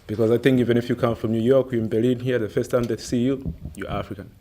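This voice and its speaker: A man's voice: mid-range voice, fairly even intonation, fast talker, mellow. A man from Tanzania asking a question from the floor at a panel, thoughtful and searching, with frequent fillers. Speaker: audience member asking a question. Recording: noisy room recording.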